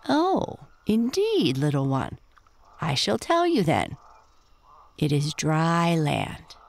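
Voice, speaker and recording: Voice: mid-range voice, wildly swooping pitch, slow, creaky, exaggerated voice. A reader putting on a pompous old frog. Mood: lofty. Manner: lofty, lecturing, chuckling. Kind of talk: storybook character voice.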